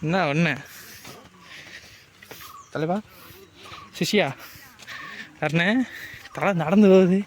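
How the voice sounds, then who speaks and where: A man's voice: high voice, very slow, long pauses, a little hiss or hum. A young man vlogging while climbing a mountain trail, out of breath, teasing and calling out to his friends. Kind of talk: casual chat while hiking.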